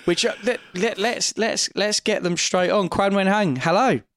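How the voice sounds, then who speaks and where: A man's voice: high-pitched, moderate pace, a bit bright, no room sound, studio quality. A man with an Essex accent co-hosting a casual chat, hesitant and repeating words as he goes. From Essex, England. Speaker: podcast co-host.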